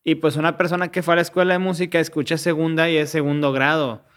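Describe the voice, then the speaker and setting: A man's voice: a little high, level tone, quick pace, a bit bright, clear, resonant tone. Slangy man explaining chords. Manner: slangy, explains step by step with many restarts. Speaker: podcast co-host explaining music theory. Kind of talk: casual explanatory chat.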